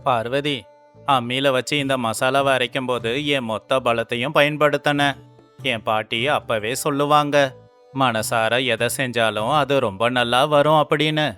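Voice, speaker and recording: A poor, despairing village laborer husband, voiced by a man in a storybook cartoon. He pleads and reproaches himself in a plain, mid-pitched voice. Faint music plays beneath him. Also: fairly even intonation, normal speed, bright, forceful tone, clear, resonant tone, lightly acted. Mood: earnest. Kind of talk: storybook character voice.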